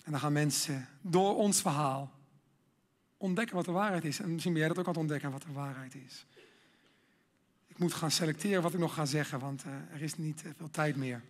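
A man giving a sermon, earnest and emphatic, building up to loud exhortation. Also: fairly high pitch, brisk.

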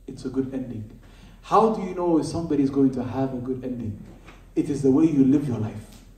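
An Islamic teacher lectures a live audience in a roomy hall, far from the mic, his medium-pitched voice mellow and fairly quick. He's emphatic, repeats key phrases, and poses rhetorical questions.

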